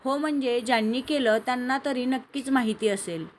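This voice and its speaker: A woman's voice: on the high side, moderate pace, slight background noise, close to an everyday voice. A woman voicing a joking young male office colleague with a wisecracking manner.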